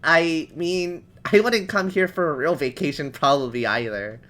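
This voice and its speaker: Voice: mid-range voice, moderate pace, a bit bright, pitched above the performer's own voice, natural voice. A streamer voicing a polite, eager neighborhood boy who keeps trying to be friendly. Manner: cheerful, trying to stay friendly. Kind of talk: voicing a character in a story game.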